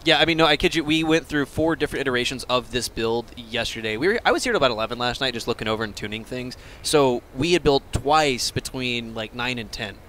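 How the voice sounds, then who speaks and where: A man who works as a game developer, talking excitedly while playing and laughing often. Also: mid-range voice, fast, hardly any pauses, a little hiss or hum, low-quality recording. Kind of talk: casual gameplay chat. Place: game studio office.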